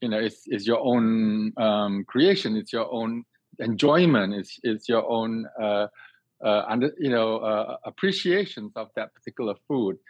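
Speaking at medium pitch, a guest from Singapore who cooks and teaches cooking responds to an interviewer conversationally. He's earnest and expansive, frequently circling back to restate and rework his words mid-thought. No room sound is audible, and the audio comes across dry, slightly dull, and band-limited.

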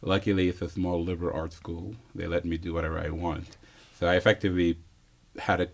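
A man in his thirties from Senegal, answering interview questions in an easygoing way, pausing with fillers and chuckling often. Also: deep voice, little pitch movement, gravelly. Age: 30s. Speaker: interview guest, physicist.

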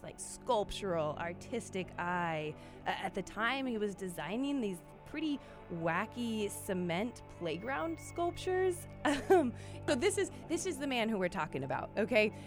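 A woman's voice: medium pitch, big pitch swings, moderate pace, music in the background. A woman hosting a podcast, narrating in a scripted yet casual, upbeat way with occasional fillers. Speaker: podcast host.

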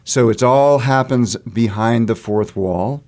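Speaking slowly in a mid-range, somewhat dark voice, a theater artist discusses a stage production during a conversational interview. He thinks out loud and keeps rephrasing partway through his sentences.

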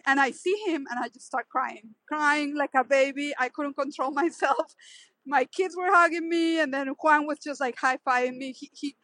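A high-voiced woman business owner answers interview questions with eager energy, restarting and repeating words as she goes. The sound is close and dry, with no room around her. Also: dry recording. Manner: excited, rambling with repeated words.

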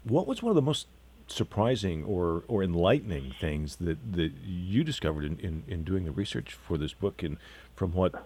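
A man's voice: deep voice, very animated, normal speed, darkish tone, husky. A man interviewing an author on the radio, stumbling and repeating words as he asks his questions.

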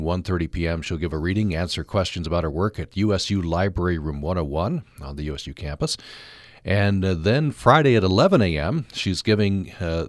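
A man hosting a casual radio interview, speaking in a halting, tentative way with hesitant phrasing. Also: low-pitched, dry recording, clean studio sound. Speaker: radio host. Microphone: close studio broadcast microphone.

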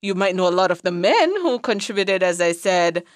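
A woman's voice: lowish voice, lively intonation, a little fast, dry recording, studio quality. Woman lecturer with a Jamaican accent. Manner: explanatory, checks in with "right?" and "you know". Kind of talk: conversational educational lecture.

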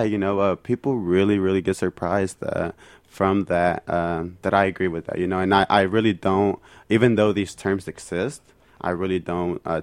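Low-voiced young man. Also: no echo. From Mexico. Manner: earnest, halting with fillers. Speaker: student guest. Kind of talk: interview.

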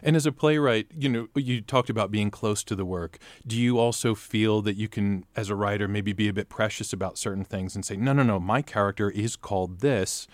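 A man's voice: on the low side, steady tone, a little fast, hardly any pauses, no echo, clean studio sound. A man interviewing a playwright, asking thoughtful, layered questions at length. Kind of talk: interview conversation.

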